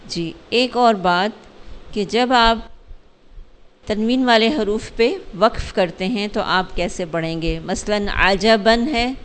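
A woman teaching recitation in an online lesson. She drills the letter sounds slowly and checks her students' understanding with quick explanations. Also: medium pitch, smooth.

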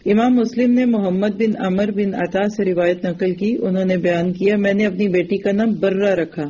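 A woman's voice: mid-range voice, steady tone, dark tone, breathy edge, muffled recording. A woman giving a religious lecture in an earnest, direct way, often putting rhetorical questions to her listeners. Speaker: religious teacher.

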